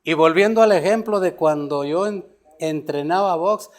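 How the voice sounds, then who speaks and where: A man preaching a sermon, moving from quiet storytelling to loud emphatic peaks and calling listeners "brother". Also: fairly high pitch, moderate pace. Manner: addresses listeners as "hermano". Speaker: pastor.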